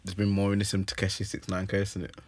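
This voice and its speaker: A man's voice: deep voice, completely flat delivery, quick pace. A man with a London roadman accent and slang, talking in casual podcast banter.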